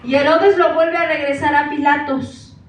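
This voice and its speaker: A woman's voice: sits high, steady tone, normal speed, a little hiss or hum. A woman preacher in a church, reading scripture aloud verse by verse, calling out the verse numbers and asking the listeners questions. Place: church hall. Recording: echoey church hall from far off.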